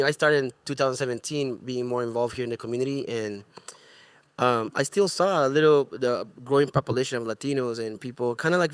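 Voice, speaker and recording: A man's voice: medium pitch, clear, resonant tone, no echo. A middle-aged man from Ecuador with a Spanish accent, a guest in a casual interview, speaking earnestly and searching for his words. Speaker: guest, music producer and artist.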